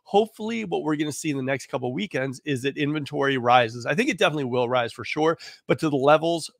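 A hoarse man, a real estate agent, talking casually on a live stream in a rambling way full of fillers. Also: a little high, fast talker, no room sound, clean studio sound. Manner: rambling, full of "you know" and "like".

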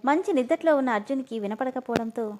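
Woman narrating a story, fairly high voice. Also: fast talker, a little mellow.

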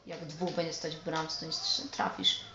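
A man commentating his own football video game match, excitable and swearing often at the game. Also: a little high, normal speed. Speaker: gamer. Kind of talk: let's play commentary. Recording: roomy, dull lo-fi recording with faint noise.

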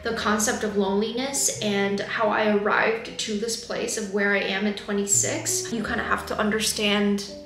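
At a moderate pace with few pauses, a native Chinese-speaking woman in her twenties from China shares thoughtful, candid reflections on her life, gesturing a lot as she vlogs from a bedroom or home office. Her medium, fairly monotone voice comes through a reverberant, poor recording with background music.

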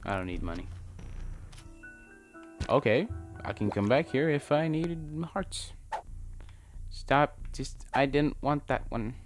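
Slow casual young man over game music. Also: mid-range voice. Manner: casual, self-mocking, swears at the game. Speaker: gaming channel host. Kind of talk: let's play commentary. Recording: game music loud behind the voice.

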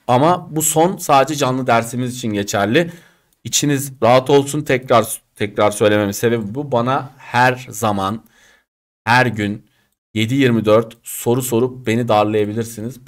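A man teaching an online English class, chatty and direct, acting out quoted speech and regional ways of talking. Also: medium pitch. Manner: lively, chatty, direct, addresses students as friends; acts out quoted speech and regional Turkish dialects.

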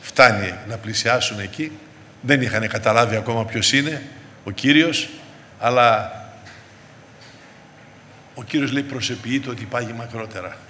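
A man's voice: mid-range voice, pauses often, sharp tone. A man preaching a sermon with fervor, calling out to his congregation as brothers and sisters. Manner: fervent, repeatedly addressing the congregation as brothers. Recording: reverberant hall with faint background noise.

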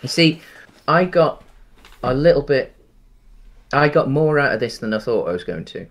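Wearing a headset at home, a man in his thirties co-hosts a casual podcast about films, talking with lots of ums and restarts. His medium-pitched voice is very animated and moves at a moderate pace indoors.

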